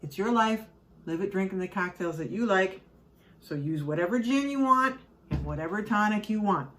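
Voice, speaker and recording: Mixing cocktails on her home show, this woman from the American Midwest keeps up a chatty, rambling how-to full of fillers and asides. Her medium-pitched voice is animated and a bit bright, at a normal speed. There's slight background noise, and she's somewhat distant from the microphone.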